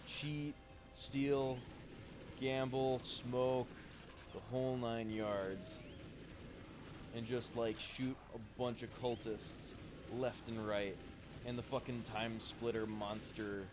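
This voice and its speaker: A man's voice: medium pitch, noisy background. A man casually commentating while he plays a shooter game, swearing freely and chatting with his viewers. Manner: swears freely, chats loosely while playing. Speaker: game streamer. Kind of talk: casual let's-play commentary.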